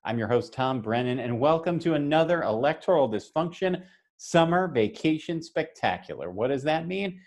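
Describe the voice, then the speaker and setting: A man's voice: fairly high pitch, animated, moderate pace, a little mellow. A man hosting a comedic panel show over a remote video call, joking and rambling through introductions with fillers and restarts. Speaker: host.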